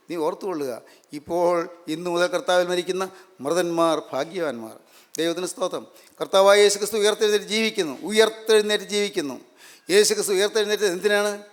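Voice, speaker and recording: A man's voice: high-pitched, fairly bright tone. A man preaching a sermon, emphatic and repetitive, full of rhetorical questions. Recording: long hall reverb.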